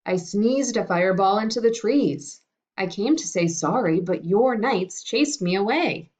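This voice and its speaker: A woman's voice: medium pitch, expressive, unhurried, a little mellow, pitched above the performer's own voice. A woman voicing a big, apologetic dragon from a picture book, roaring out pleas. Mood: pleading. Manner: roaring yet pleading. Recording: dull lo-fi recording.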